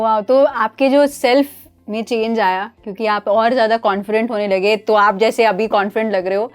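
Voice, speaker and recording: A woman's voice: on the high side, smooth. A woman hosting a casual show, mixing English phrases into her Hindi and running guests through games. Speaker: show host.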